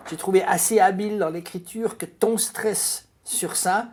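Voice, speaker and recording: A woman's voice: medium pitch, a little slow, a little mellow. A woman hosting a casual interview, rambling and repeating words as she frames her questions. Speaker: interview host.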